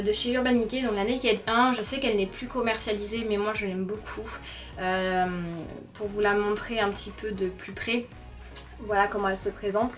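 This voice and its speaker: A young woman chatting casually about her favorite products, often pausing with "euh" and sounding warmly enthusiastic. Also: on the high side. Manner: chatty, frequent "euh" fillers, gentle and enthusiastic. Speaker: beauty vlogger. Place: bedroom. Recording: slightly distant mic, soft music underneath.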